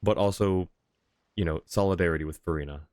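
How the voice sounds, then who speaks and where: Soft game music plays as a man livestreams a video game, rambling casually and deliberating aloud while correcting himself. His voice is deep and fairly quick, recorded with no room sound.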